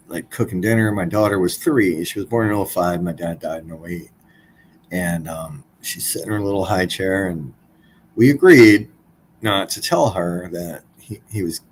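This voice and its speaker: A man's voice: deep voice, slight background noise, low-quality recording. A man in his forties, a podcast guest, telling a personal story in a blunt, casual way, swearing freely.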